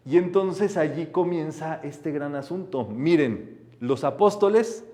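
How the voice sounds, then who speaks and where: Male spiritual teacher, warm low-key timbre, earnest lecturing, leads group affirmations. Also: animated, measured pace. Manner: earnest and explanatory. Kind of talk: metaphysical Bible lecture.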